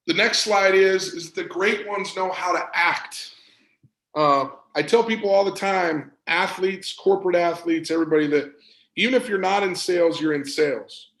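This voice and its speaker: A man coaching an audience on performance in an energetic, emphatic presentation, repeating words for stress. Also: sits high, moderate pace, roomy sound, poor audio. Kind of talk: motivational presentation.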